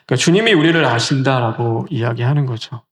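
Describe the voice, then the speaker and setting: A man's voice: mid-range voice, fast talker. Man preaching with rhetorical questions. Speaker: pastor. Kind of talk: sermon.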